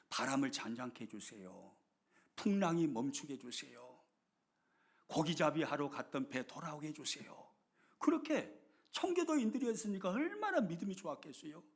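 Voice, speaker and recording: A middle-aged pastor preaching in a church, his husky voice set a little high. He tells his story with wide, lively swings of pitch, rising loud and then dropping almost to a whisper. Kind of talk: sermon. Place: church sanctuary.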